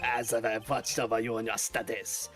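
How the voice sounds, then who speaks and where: A man's voice: on the low side, flat delivery, moderate pace, fairly bright tone, faint music behind, pitched below the performer's own voice, natural voice. Man voicing a silky, polite, haughty old villain prosecutor. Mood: imperious, demanding. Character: stern, haughty sixty-year-old male legendary prosecutor and villain mentor. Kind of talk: video game voice-over read aloud.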